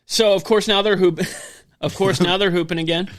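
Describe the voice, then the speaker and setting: Man, podcast host, slightly high voice, loose rambling recap, casual swearing. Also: fairly even intonation, normal speed. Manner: rambling, laid-back storytelling with casual swearing. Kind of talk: casual chat recapping a film.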